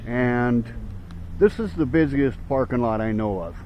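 A man's voice: medium pitch, lively intonation, a little slow. A man speaking without teeth or dentures, hosting a casual video outdoors in a parking lot. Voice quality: toothless speech, no dentures in. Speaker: video host. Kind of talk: casual talk to camera. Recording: dull lo-fi outdoor recording, traffic noise.

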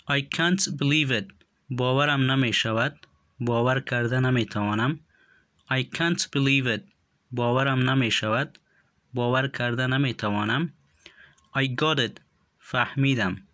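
Slow, careful male language teacher. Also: mid-range voice, bright, forceful tone, no echo. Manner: says English phrases slowly and clearly, translations quicker. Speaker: English teacher. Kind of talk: slow phrase-by-phrase language lesson.

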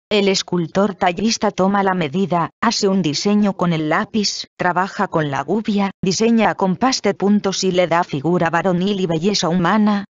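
A reader giving a measured, solemn scripted reading of a Bible passage. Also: medium pitch, no echo, highs cut off.

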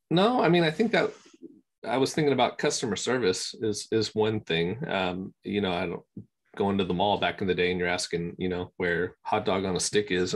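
A man, a guest on a video call interview, talking in a relaxed, rambling way with many fillers. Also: deep voice. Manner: relaxed, rambling, many ums and you knows. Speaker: interview guest, scanning service provider. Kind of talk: casual conversation.

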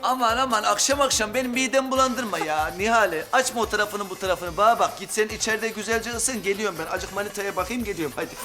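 A man's voice: high voice, fast talker, hardly any pauses, music in the background, lightly acted. An actor playing a cheeky man who ogles and teases his wife in sitcom banter. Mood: teasing. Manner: teasing, gawking banter. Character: cheeky middle-aged man, girl-watching and teasing. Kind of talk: sitcom comedy acting.

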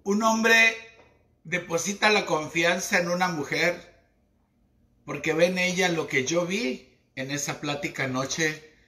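Mexican guy chatting on a livestream, slangy and dramatic, bright voice, slow, echoey room. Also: on the high side. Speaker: esoteric livestream host. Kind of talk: casual livestream monologue.

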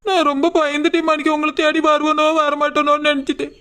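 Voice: high voice, little pitch movement, fast, bright, forceful tone, a little hiss or hum. A performer voicing a frightened, tearful pregnant young woman.

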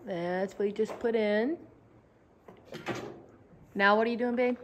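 A woman's voice: medium pitch, measured pace, muffled recording. Teasing woman filming in a noisy barn. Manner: teasing, laughing, chatty. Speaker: vlogger filming her husband's barn work. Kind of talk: casual off-camera narration. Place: inside a large pole barn. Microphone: handheld phone camera. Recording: noisy barn with clicks and vehicle sounds.

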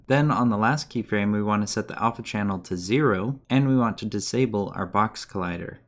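A man giving a methodical step-by-step game development tutorial as a voice-over. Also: fairly low pitch. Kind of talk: screen-recorded coding tutorial.

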